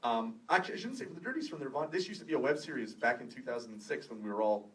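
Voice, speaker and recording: Animated Canadian man at a screening Q&A. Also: mid-range voice, rapid-fire. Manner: animated, laughing, quotes people in lively voices. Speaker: filmmaker guest at a Q&A. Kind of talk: casual Q&A storytelling. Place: theater after a screening. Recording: distant room recording with faint noise.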